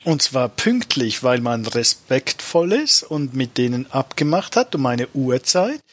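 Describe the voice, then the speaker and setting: A man hosting a comedic panel show, questioning the guest in a brisk, mock-strict way. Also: mid-range voice, sing-song, no room sound. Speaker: host.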